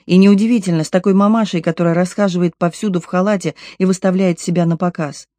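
A reader voicing a distraught mother, shouting in a shrill, trembling voice. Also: steady tone, fast, no room sound, clean studio sound, lightly acted. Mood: furious. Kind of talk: audiobook reading.

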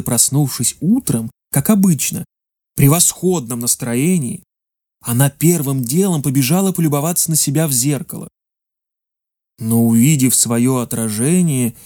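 A narrator reading a fairy tale in a measured, expressive way. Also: medium pitch. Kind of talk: storybook narration.

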